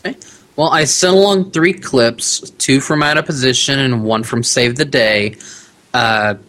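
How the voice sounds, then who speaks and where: A man speaks as a guest on a casual podcast interview. His voice is bright and forward, and he sounds relaxed and talkative, laughing easily. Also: medium pitch, unhurried. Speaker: podcast guest, audiobook narrator.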